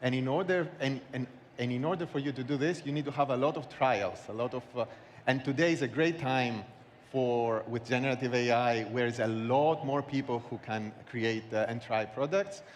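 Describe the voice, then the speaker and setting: Man, conference panelist, halting searching delivery, long hall reverb, some background noise. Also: mid-range voice.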